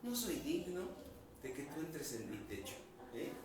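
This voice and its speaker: A man's voice: on the high side, big pitch swings, unhurried, background noise. A man preaching a sermon as pastor, often asking the congregation questions and repeating key words. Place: church hall. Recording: echoey room, voice from a distance.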